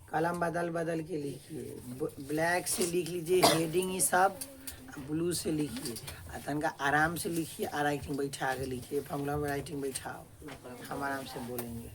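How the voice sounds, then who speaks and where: A woman teacher dictating a lesson to a class slowly, repeating each phrase and adding stern asides. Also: low-pitched, steady tone, heavy background noise. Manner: slow repetitive dictation, scolding asides.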